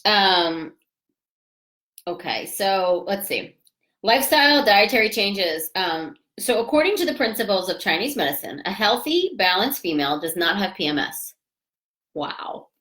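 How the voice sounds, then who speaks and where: A woman's voice: medium pitch, sing-song, measured pace, a bit bright. Chatty, emphatic woman acupuncturist. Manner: chatty, emphatic, many fillers and "you know". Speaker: acupuncturist and fertility author. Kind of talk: casual educational talk, reading aloud from her book.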